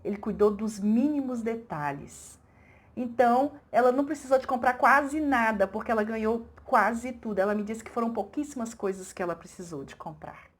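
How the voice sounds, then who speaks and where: A Brazilian woman from her own channel, telling a testimony story and acting out the quoted voices with rising excitement. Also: mid-range voice. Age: middle-aged.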